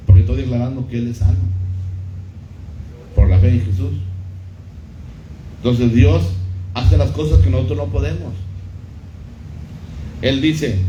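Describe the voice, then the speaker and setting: A middle-aged pastor preaching a sermon, who repeats key phrases and puts questions to the congregation. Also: male voice, medium pitch, noisy background. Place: church hall. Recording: muffled echoey church recording.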